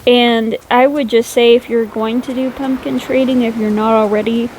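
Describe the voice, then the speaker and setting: A woman's voice: on the high side, level tone, moderate pace, darkish tone, slight background noise, poor audio. A woman chatting casually over her gameplay, rambling and self-deprecating, sleepy and yawning late at night. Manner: gushes over cute animals. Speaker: gaming YouTuber.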